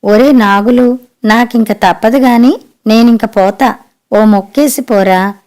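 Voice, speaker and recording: A female narrator gives voice to a middle-aged father pulled away from his card game, curt and dismissive. The voice stays warm and dark-toned, an audiobook read in the narrator's own register. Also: a little high, a little slow, natural voice. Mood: irritated. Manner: brusque, dismissive.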